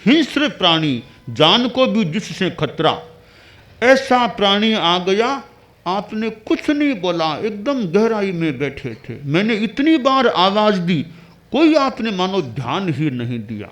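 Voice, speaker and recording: Slow, animated preacher man. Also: sits high. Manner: acts out dialogue of guru and disciple in shifting voices. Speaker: spiritual teacher. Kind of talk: sermon with storytelling.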